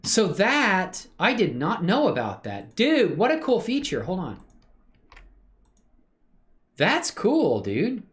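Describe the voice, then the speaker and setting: Pausing often and speaking slowly, this man's high voice swoops wildly in pitch. He hosts a casual livestream showing 3D animation work, chatting with viewers in a laid-back, slangy, appreciative way and thinking aloud.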